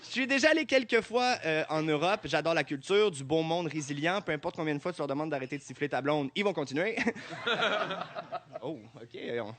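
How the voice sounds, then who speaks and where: A man with a Québécois accent doing a stand-up comedy routine, animated and laughing often at his own jokes. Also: fairly high pitch, fairly quick. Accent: Québécois French.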